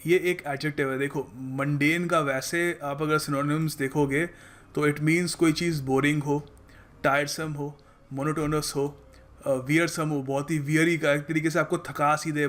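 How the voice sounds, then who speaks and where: A man with an Indian accent teaching English vocabulary, switching between Hindi and English and reading example sentences slowly. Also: on the high side, little pitch movement, fairly bright tone.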